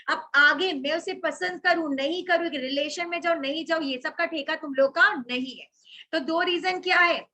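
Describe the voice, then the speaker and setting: Bright high-voiced woman teacher. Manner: reads text aloud then explains in mixed Hindi and English. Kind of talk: line-by-line literature lesson.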